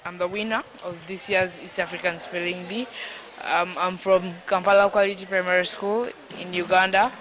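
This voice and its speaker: A contestant answering an interview in a measured way, with brief pauses. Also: mid-range voice, flat delivery, crowd noise, rough recording. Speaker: spelling bee winner.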